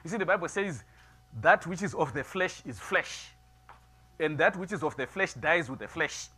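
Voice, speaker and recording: A middle-aged man preaching a sermon in a small church, moving from quiet musing to loud, emphatic preaching. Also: on the high side, lively intonation, moderate pace, breathy edge. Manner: builds from soft musing to loud preaching, gestures widely. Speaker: pastor. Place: small church sanctuary, seated before altar flowers.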